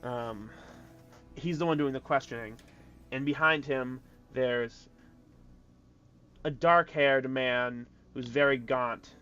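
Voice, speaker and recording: A man narrating a tabletop game as game master, casual and halting with fillers. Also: mid-range voice, sharp tone, clear, resonant tone, dull audio, faint music behind.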